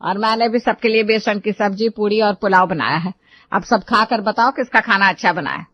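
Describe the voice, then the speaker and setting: A woman voicing a sharp-tongued traditional mother-in-law who scolds loudly in a cartoon story. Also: moderate pace, natural voice. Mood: bossy. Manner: scolding, shrill and loud. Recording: dull lo-fi dry recording.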